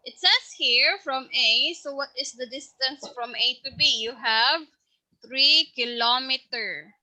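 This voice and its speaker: Woman teacher going over a science quiz, high bright voice, talks slow and patient. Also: no echo, low-quality recording. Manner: slow, patient quiz-style questioning, reads answer options aloud. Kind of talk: online science review lesson.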